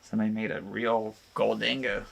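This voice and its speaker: Gravelly, bright-voiced podcast co-host man. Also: lowish voice, a little fast, a little hiss or hum. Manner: laughs often, animated, swears casually. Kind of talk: casual chat.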